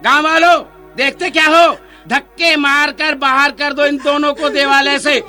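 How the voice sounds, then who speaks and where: A man plays a haughty temple priest with a very high, piercing, bright voice, all contempt and commands. The scene is a staged street play, with faint music behind him. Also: flat delivery, normal speed, heavily acted. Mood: scornful. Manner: contemptuous, commanding, tuts in disgust.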